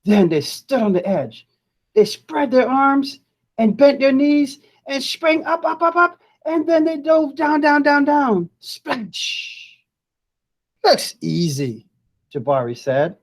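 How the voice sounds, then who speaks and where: A woman with a high-sitting, expressive voice reads a children's storybook aloud deliberately and with feeling, pausing now and then to chat with viewers.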